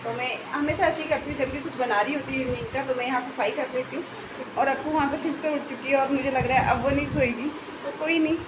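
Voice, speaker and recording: Young woman chatting through her home vlog, a bit high voice, noisy room. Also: steady tone, fast. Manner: chatty, talks softly while child sleeps. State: unwell, pregnant. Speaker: vlogger. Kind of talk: casual home vlog narration. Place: home, kitchen and bedroom.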